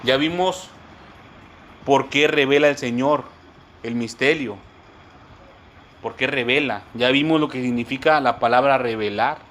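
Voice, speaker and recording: A man of medium pitch and a bit bright tone teaches a church Bible study a little slowly, leaving long pauses, with slight background noise. He keeps repeating his points and addresses the listeners as brothers time and again. He spells out terms and explains them word by word.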